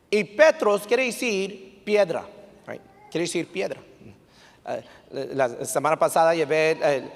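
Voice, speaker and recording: A man preaching a sermon as pastor, telling stories in an animated way and sprinkling English fillers into his talk. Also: on the high side. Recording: long reverb of a church hall.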